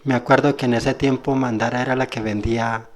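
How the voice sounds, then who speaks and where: A man's voice: medium pitch, steady tone, fairly quick. A man telling a personal spiritual story in a rambling, folksy way, correcting himself as he goes. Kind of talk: spoken personal testimony.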